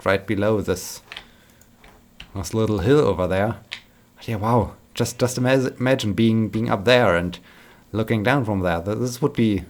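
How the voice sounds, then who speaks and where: A man's voice: on the low side, darkish tone. A man chatting casually while playing a game, rambling and repeating words, tired but upbeat. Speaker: gaming vlogger.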